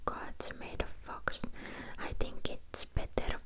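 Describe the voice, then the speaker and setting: Slow, whispering woman reading ASMR. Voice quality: soft unvoiced whisper. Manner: whispering close to the ear, ear to ear. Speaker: ASMR host reading a book aloud. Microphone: close ear-to-ear ASMR microphone.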